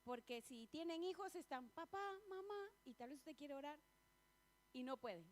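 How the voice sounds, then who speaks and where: A woman's voice: high voice, expressive, moderate pace. A woman preaching a sermon in a church, chatty and personal, often asking the congregation questions and laughing between points.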